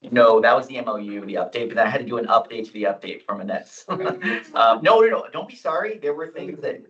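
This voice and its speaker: A man chairing a student meeting who reads a resolution aloud as fast as he can, in a rushed manner. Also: mid-range voice, animated, fairly bright tone. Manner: rushed, deliberately fast reading. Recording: distant, dull meeting room audio.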